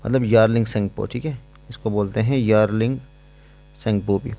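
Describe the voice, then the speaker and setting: A man's voice: fairly low pitch, steady tone, moderate pace, vocal fry, mellow. A man teaching an exam-prep lecture in a casual, chatty way, repeating points and giving memory codes.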